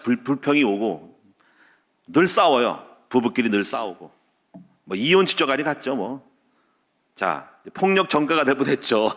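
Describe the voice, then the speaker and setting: A man preaching a sermon as pastor, stacking short repeated clauses and telling personal stories, with loud peaks and quiet dropped endings. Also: mid-range voice. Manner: tells personal stories with laughter. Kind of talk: Wednesday service sermon.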